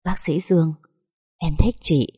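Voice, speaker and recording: Gentle young man in love, soft and tender, low dark voice, read by a woman. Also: steady tone, a little slow, breathy edge.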